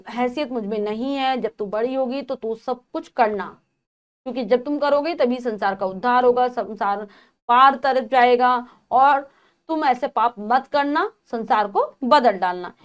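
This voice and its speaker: A woman teacher voicing a weary, resigned mother who gently explains herself to her daughter in a storybook reading. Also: fairly high pitch, lightly acted.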